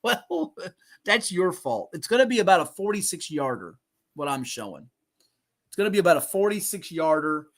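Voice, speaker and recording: Excitable sports show host, a man with a high, animated voice who ribs his co-host. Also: normal speed. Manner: excitable, teasing, bursts into shouts and laughs. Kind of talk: live game-watch commentary chat.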